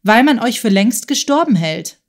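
A woman voicing a clever, eager boy detective in a children's audiobook, talking in a quick, scheming way. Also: on the high side, big pitch swings. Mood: reassuring.

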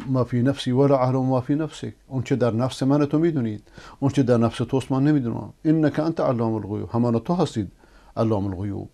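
Emphatic male preacher with a mellow voice. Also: mid-range voice. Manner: emphatic, rising to forceful denunciation. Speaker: preacher and TV host. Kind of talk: religious TV talk answering viewers.

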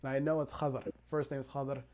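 A man's voice: medium pitch, little pitch movement, brisk, muffled recording, a loud crowd. A man hosting a podcast, talking casually in a rambling way, with frequent restarts and easy laughter. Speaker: podcast host. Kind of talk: casual conversation.

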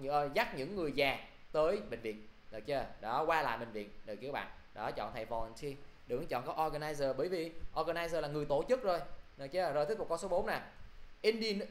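A male teacher with a high-leaning voice runs his class through an English review, quizzing students and repeatedly asking "được chưa?" to check they're following. The sound is roomy.

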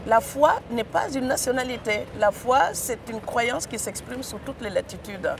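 There's background noise as a fairly high-pitched woman, an author from Senegal, gives a studio interview. Serer is her first language, and she talks with a Senegalese French accent, rolled R's, emphatic delivery and lots of hesitation.

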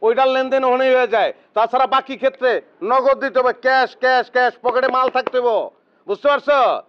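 A pompous know-it-all teacher. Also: male voice, very high voice, a little fast, lo-fi sound, slight background noise. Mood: lecturing. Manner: pompous, lecturing, keeps asking "understood?". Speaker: self-styled teacher lecturing at a tea stall. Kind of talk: TV comedy drama acting.

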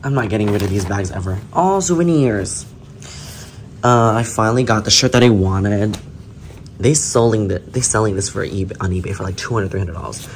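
A man's voice: lowish voice, steady tone, fast talker, slight background noise. A tired man chatting casually in a vlog wrap-up, rambling and restarting his sentences. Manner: chatty, complaining, stumbles and restarts. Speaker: vlogger.

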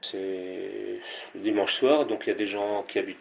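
A man talks off the cuff, stopping and restarting often as he gathers his thoughts. His voice sits on the low side. A steady wash of background ambience runs under him. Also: moderate pace, creaky, lo-fi sound, slight background noise. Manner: hesitant, many fillers and restarts. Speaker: interviewee speaking about a chapel. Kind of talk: spontaneous spoken comments.

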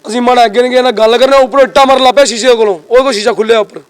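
A man's voice: very high-pitched, fairly even intonation, very fast, smooth. A man giving reporters an agitated complaint about a neighbour quarrel outdoors. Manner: agitated, retells quarrels with quoted speech.

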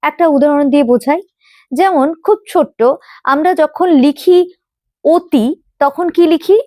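Woman, high voice, very animated pitch, patient teacher, spells out letters, dry close sound. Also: no echo. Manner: explains slowly, spells out letters and repeats words. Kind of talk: Bengali pronunciation lesson.

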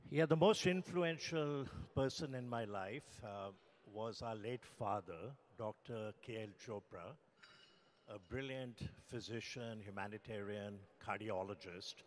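Man from India telling a story in a hall. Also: fairly low pitch. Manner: measured, dramatic storytelling. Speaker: physician panelist. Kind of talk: storytelling in a panel talk. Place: large event hall. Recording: long hall reverb.

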